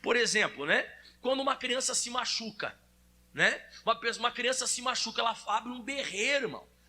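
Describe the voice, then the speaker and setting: High, bright-voiced man preaching. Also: lively intonation, a little fast. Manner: preaching with acted-out examples and direct address. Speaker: pastor. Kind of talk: sermon.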